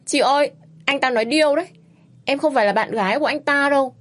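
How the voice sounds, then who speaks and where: A woman voicing a fiery, stubborn young woman who speaks in high, shrill outbursts and pleads loudly. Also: moderate pace, natural voice. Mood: pleading.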